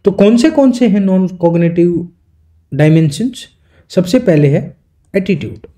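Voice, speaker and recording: Slow, dark-voiced male teacher. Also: high-pitched, animated. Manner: explains in Hindi, reads definitions slowly in English. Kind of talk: exam-prep lecture.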